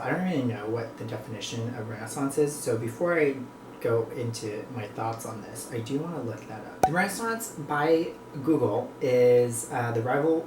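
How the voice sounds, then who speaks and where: A North American vlogger chatting casually and reflectively to viewers, rambling between bites while eating. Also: medium pitch. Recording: echoey room with clear background noise.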